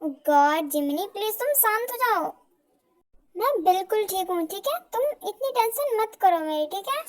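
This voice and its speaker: A woman voicing a gentle, long-suffering young wife who speaks softly and soothingly, in an amateur fan audio drama. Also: extremely high pitch, animated, normal speed. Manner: soothing, soft, placating.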